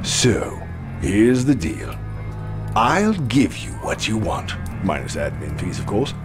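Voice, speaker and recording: An actor playing a smug, sardonic devil in a video game, with a British accent and a teasing, theatrical drawl. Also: male voice, medium pitch, close to an everyday voice. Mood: sly, businesslike. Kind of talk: video game character acting. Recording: game audio with music behind.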